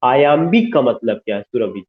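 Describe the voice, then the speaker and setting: A man teaching English literature in an online class, explaining slowly, repeating key terms and mixing English into Hindi. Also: medium pitch, expressive. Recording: tinny phone-like audio.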